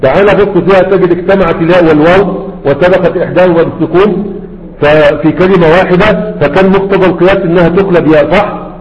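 A man's voice: high-pitched, steady tone, fast talker. A man with an Egyptian accent giving a grammar lesson who keeps checking with his students, asking "right?". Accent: Egyptian Arabic. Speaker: teacher of Arabic grammar. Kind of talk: classroom lecture. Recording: echoey hall, dull lo-fi sound.

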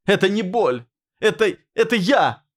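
A man voicing a distraught young woman who breaks into hysteria, her cries shrill and cracking. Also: sing-song, unhurried. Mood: hysterical.

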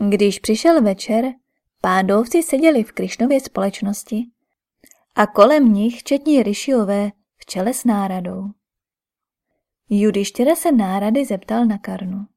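A woman narrating a scripted epic audiobook in a measured, even storytelling manner. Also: medium pitch.

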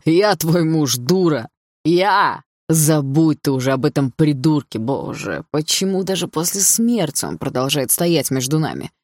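Brief: sneering, possessive stepfather, cold and taunting, low gravelly tone, voiced by a woman narrator. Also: very animated, moderate pace, hardly any pauses, no room sound, clean studio sound, heavily acted. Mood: angry shouting. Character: smug, possessive, menacing stepfather, adult man.

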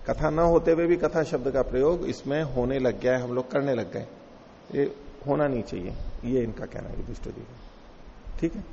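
A man teaching a scripture class, explaining terms patiently with a gravelly voice. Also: medium pitch, mellow, slight background noise. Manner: explanatory, laughs along with class. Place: lecture hall. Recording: echoey lo-fi hall recording.

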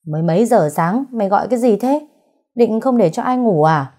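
Một phụ nữ đóng vai bà mẹ chồng lớn tuổi, hống hách, hay quát mắng và gào khóc. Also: female voice, medium pitch, expressive, brisk, breathy edge. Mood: scolding. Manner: shouting, wailing. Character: domineering older mother-in-law, shrill and scolding.

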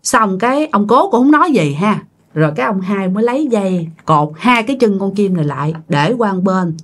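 A woman's voice: medium pitch, animated, fairly quick. A woman telling a ghost story in a casual, chatty way, talking straight to her listeners. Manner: chatty, addresses listeners directly.

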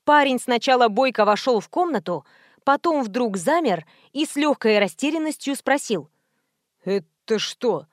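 Woman narrator, rather high voice, expressive first-person reading, dry close recording. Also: moderate pace, dry recording. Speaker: audiobook narrator.

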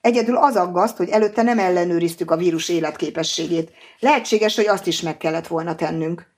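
Woman reading a calm know-it-all scientist guy in an audiobook, low voice, measured and explaining. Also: natural voice. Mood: calm, explanatory.

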